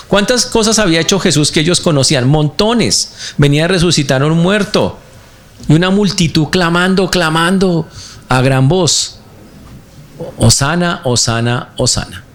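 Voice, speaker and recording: Guy preaching a sunday sermon, voice jumps up and down a lot, keeps asking the crowd questions. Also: mid-range voice. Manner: animated preaching, rhetorical questions to the congregation. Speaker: pastor.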